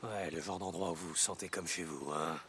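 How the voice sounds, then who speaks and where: A man voicing a gruff, weary, sardonic survivor in a video game, muttering and swearing in a gravelly voice. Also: fairly even intonation, brisk, a bit bright, a little hiss or hum. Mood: wary, sardonic. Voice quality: low gravelly voice. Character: gruff, weary, sardonic male survivor biker talking to himself.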